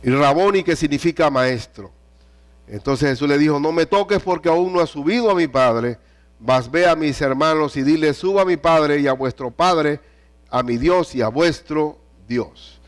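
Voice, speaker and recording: A man preaching a sermon, reading scripture aloud in an animated, questioning manner. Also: fairly high pitch, normal speed.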